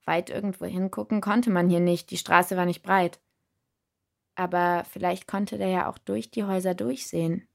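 A woman narrating a first-person story in a calm, reflective way. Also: on the low side, moderate pace, gravelly.

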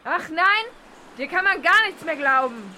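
A woman playing a pushy, bossy young female contestant in an audio drama, brisk in her manner. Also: on the high side, lively intonation, pushed and bright, slight background noise.

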